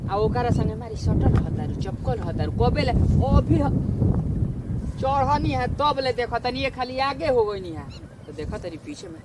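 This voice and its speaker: A man's voice: extremely high pitch, expressive, unhurried. A man playing a jealous, sulking young boyfriend in an amateur comedy skit, complaining insistently in a Bhojpuri accent. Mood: accusing. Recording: noisy outdoor recording.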